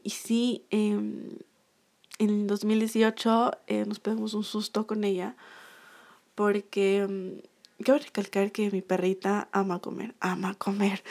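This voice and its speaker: Gravelly-voiced young woman telling a story. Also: medium pitch, darkish tone. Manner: chatty, repeats herself, frequent fillers and restarts. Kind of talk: casual storytelling to viewers.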